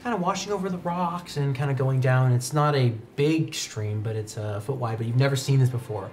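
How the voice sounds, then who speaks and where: Sitting at a desk in an indoor studio set, a young man serves as game master for a tabletop roleplaying game, telling the story in a descriptive, conversational way. He has a medium-pitched, slightly mellow voice and talks a little fast. There is background music and a faint hiss or hum.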